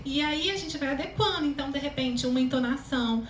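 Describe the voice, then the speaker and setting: A woman with a Brazilian Portuguese accent, working as a communication consultant, addresses a live audience in an event hall. Her high, thin voice moves fast, and she is chatty, uses many fillers and laughs often. Room echo and a faint ambient hiss are audible.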